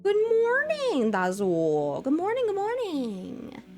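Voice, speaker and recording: Her pitch swoops wildly and her tone runs somewhat dark as this twenties-aged VTuber takes her time chatting with viewers over faint music. She lifts her low voice into a lighter, feminized register, rambling and giggling with plenty of fillers.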